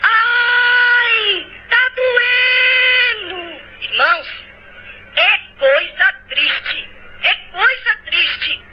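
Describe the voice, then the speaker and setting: A woman's voice: high voice, slight background noise. A woman with a Brazilian Portuguese accent gives a fervent church testimony, at times tearful, repeating her phrases and calling out to the brothers. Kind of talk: emotional testimony sermon. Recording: dull lo-fi recording.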